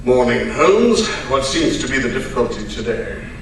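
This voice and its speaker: A roomy, distant recording of a man acting a genial Victorian gentleman doctor in an old-time radio play. His delivery is lively and swinging, with old-fashioned, gentlemanly turns of phrase. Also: mid-range voice, moderate pace, gravelly. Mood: surprised, mild. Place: live performance at a radio club event. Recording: roomy, distant live stage recording with hiss.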